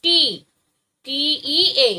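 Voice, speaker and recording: A woman teaching a phonics lesson for young children, spelling out letters and sounds one by one with patient, deliberate delivery. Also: sharp tone, low-quality recording.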